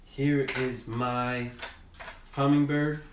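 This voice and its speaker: A man leads a drawing lesson, telling a gentle story as he colors. He speaks in a middle-pitched voice, unhurried and halting, with frequent restarts. The sound is roomy and distant, as if the mic were several feet away. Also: little pitch movement, slight background noise. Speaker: art teacher.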